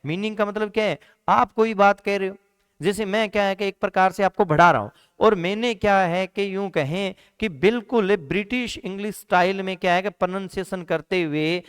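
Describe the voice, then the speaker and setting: A man's voice: sits high, clean tone. A man teaching an exam-prep lecture, asking and answering his own questions and repeating key points. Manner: calls students "beta" in a warm teacher's tone.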